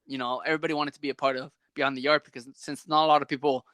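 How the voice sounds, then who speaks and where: A man's voice: a little high, little pitch movement, racing, fairly bright tone, dry recording. A young man hosting a podcast over a video call, chatting casually and rambling animatedly with lots of "like" fillers. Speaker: podcast host. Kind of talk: casual chat.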